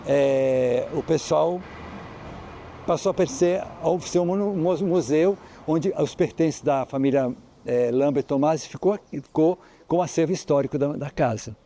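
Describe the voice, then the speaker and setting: A Brazilian man from Espírito Santo, working as a local historian guide, explains history in an on-site interview. His voice is dark yet fairly high-pitched, and he tells his story in a rambling, halting way with restarts.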